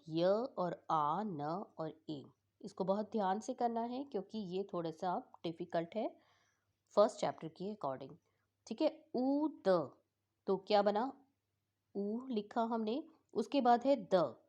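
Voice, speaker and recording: A woman teacher patiently explaining a school lesson for exam revision, repeating each word slowly. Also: medium pitch, warm tone, lo-fi sound.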